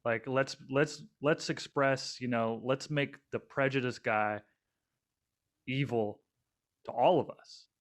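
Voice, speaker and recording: A man's voice: medium pitch, steady tone, slow. A young man co-hosting a casual podcast, rambling with lots of fillers and restarts. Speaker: podcast co-host.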